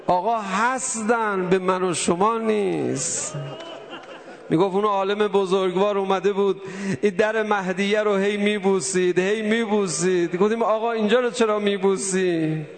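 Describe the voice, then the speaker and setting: A male preacher giving an emotive mourning sermon, moving between soft pleading and raised cries. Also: high voice, long reverb tail.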